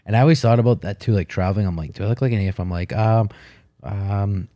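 Deep-voiced man in casual chat. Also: quick pace, mellow, no room sound, muffled recording. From United States. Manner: rambling, self-correcting, playful.

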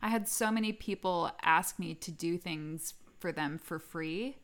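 A woman's voice: lowish voice, measured pace, fairly bright tone. A woman freelance screenwriter in casual conversation, frank and wryly self-deprecating. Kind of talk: casual chat.

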